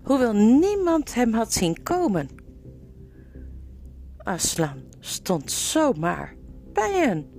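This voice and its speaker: Expressive woman reading a storybook. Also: on the high side, very slow, gravelly, pauses often, soft background music. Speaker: storybook narrator. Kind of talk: reading a children's novel aloud.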